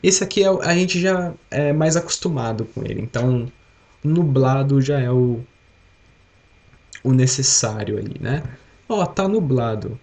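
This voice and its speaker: A young man from Brazil, his English coloured by a Brazilian Portuguese accent, hosts a live-stream English class at a measured pace. His mid-range voice sounds expressive and slightly mellow as he explains with patience and gets students to echo each drilled word.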